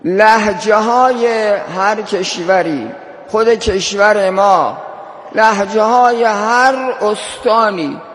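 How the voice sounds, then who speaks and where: A man's voice: sits high, fairly bright tone. A male cleric preaching emphatically at a ceremony, in a hall with long reverb. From South Khorasan, Iran. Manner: emphatic, rising to fervent preaching. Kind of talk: religious talk at a ceremony.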